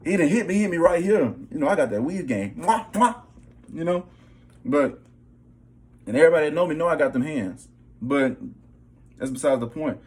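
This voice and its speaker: Briskly, with lively intonation, long pauses, and a darkish tone on the high side, a young male vlogger recounts his spiritual testimony. His style is casual and emphatic, with frequent check-ins with listeners and repeated "bro" and "okay."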